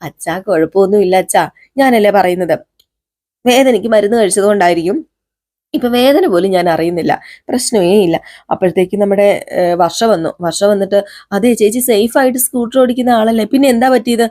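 A woman's voice: mid-range voice, a little fast, dark tone, no echo, studio quality. A woman casually recapping a TV serial episode, chatty and quoting the characters in her own voice. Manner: chatty, quotes characters in her own voice, frequent "ട്ടോ" fillers.

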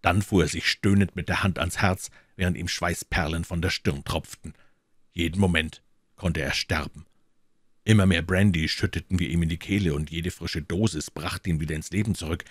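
A man reading a detective story aloud in a measured storytelling manner. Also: sits low, steady tone, breathy edge, no echo, studio quality. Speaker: audiobook narrator. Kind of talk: dramatic audiobook reading.

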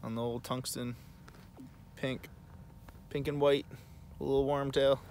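A man casually narrating his ice fishing vlog outdoors on a frozen river, with excited bursts whenever a fish bites. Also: mid-range voice, a little slow. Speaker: fishing vlogger. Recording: noisy outdoor recording.

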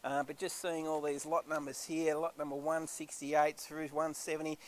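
A man's voice: on the high side, level tone, normal speed, a little hiss or hum. Upbeat man selling warehouse carpet. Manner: chatty, upbeat sales patter. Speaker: auctioneer. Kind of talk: walkthrough of auction stock. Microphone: handheld camera, filming while walking.

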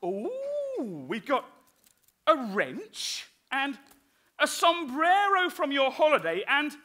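A man presenting a live children's stage show on a theatre stage, excitable and giggly, full of oohs, talking to the audience. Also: extremely high pitch, slow pace. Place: theatre stage with farm set.

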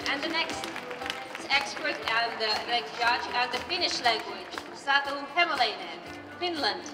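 Young woman, Russian accent, high pitch, formal ceremony announcing, reverberant PA, crowd and music behind. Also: expressive, a little slow, distant mic. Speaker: ceremony co-host and interpreter. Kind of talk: formal stage announcing in English. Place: large exhibition hall stage. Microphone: handheld microphone through PA. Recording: echoey hall PA, music and crowd.

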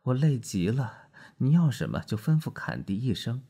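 A man voicing an exhausted, drunken middle-aged writer who talks slowly in a weary half-whisper. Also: medium pitch, big pitch swings, mellow, slightly rough, voice pushed up.

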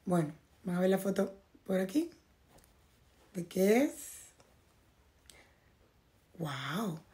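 A woman going hoarse, chatting casually to her viewers at home while unboxing and showing off clothes from a package. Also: medium pitch, very animated, slow, warm tone. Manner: chatty, talks straight to viewers. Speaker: fashion vlogger. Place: at home, in a bathrobe.

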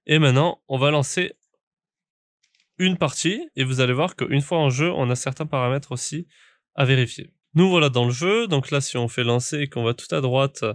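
A man's voice: mid-range voice, no room sound, studio quality. A man walks through a game setup in a casual tutorial, rambling with many fillers and restarts into a desk microphone at his home gaming setup. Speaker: sim racing YouTuber. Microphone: studio microphone at a desk.

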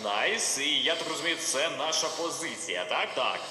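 A man commentating on his own war game as he plays, excited and talking to himself in short repeated words. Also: on the high side, moderate pace, echoey room, long reverb tail, noisy background. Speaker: gamer playing a war game. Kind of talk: live gameplay commentary.

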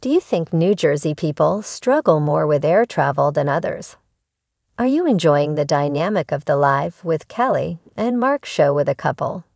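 A woman reading scripted entertainment news narration in even, formal sentences. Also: sits low, moderate pace, creaky, no echo, clean studio sound.

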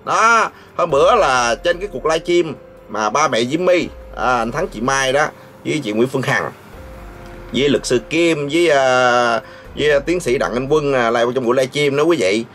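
A man's voice: medium pitch, moderate pace, a bit bright. A man hosting his vlog, ranting sarcastically and scolding, breaking into laughs mid-sentence. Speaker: vlogger host. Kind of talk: mocking commentary rant.

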